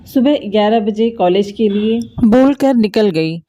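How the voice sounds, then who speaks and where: A woman's voice: mid-range voice, a little slow, mellow, lightly acted. Woman voicing a tearful, frightened college girl. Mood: scared. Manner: tearful, pleading.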